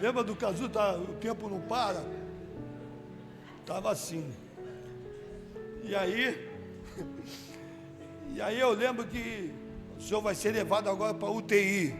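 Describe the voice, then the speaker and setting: A man from Rio de Janeiro, a church deacon telling his testimony in an animated way and acting out his own quotes. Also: high-pitched, unhurried, pauses often. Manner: animated storyteller who acts out his own quotes, rising to shouts at the peaks. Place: church hall. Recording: reverberant church hall with music behind.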